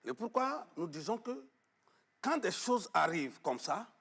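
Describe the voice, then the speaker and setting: In a TV studio interview, a man appears as a guest on traditional knowledge, explaining emphatically. His high-pitched voice is husky, lively and gravelly, at a measured pace, with hesitant fillers and repeated words. He was Arabic-educated, and French is not his first language.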